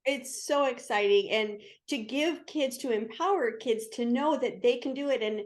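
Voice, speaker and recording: Woman host, reassuring and encouraging, slightly high voice. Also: normal speed. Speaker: show host. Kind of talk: hosted interview show.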